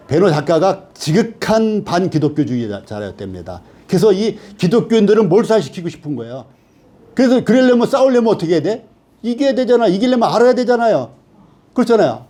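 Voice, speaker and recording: A man's voice: high voice, dark tone. A man teaching a Bible study class who keeps asking the class questions and then answering them himself.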